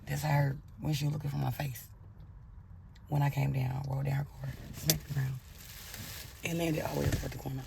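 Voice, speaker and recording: A woman's voice: a bass voice, flat delivery, brisk, gravelly, long pauses, noisy background. A woman telling a personal story in a blunt, profane way, acting out her own angry outbursts as she goes.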